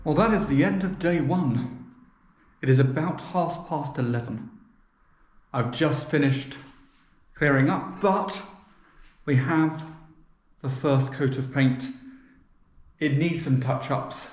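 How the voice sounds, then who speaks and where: A man's voice: fairly high pitch, slow pace, pauses often. A man chatting casually as he vlogs, his voice echoing heavily around a nearly empty indoor room. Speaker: vlogger. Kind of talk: casual chat to camera.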